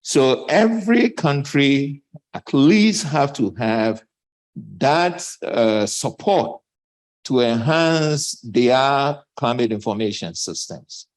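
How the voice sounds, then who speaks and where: A man speaking as a panelist at a conference, a bit out of breath, halting with many fillers. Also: medium pitch, animated, rough recording. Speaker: panelist from a development bank.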